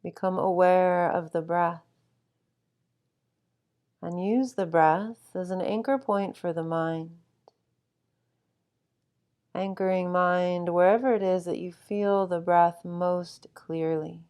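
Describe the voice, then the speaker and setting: A woman guiding a sleep meditation with calm, soothing instruction and long, unhurried pauses. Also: fairly low pitch, clear, resonant tone. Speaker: meditation guide.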